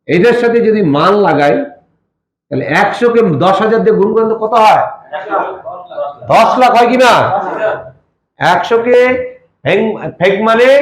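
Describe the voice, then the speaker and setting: A man's voice: high voice, a bit bright. A man teaching Korean numbers, leading a call-and-response drill and quizzing his students. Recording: echoey room.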